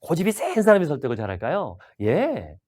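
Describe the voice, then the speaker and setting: Lively fast-talking male sales trainer. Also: a little high. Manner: animated, asks the audience questions. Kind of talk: video lecture.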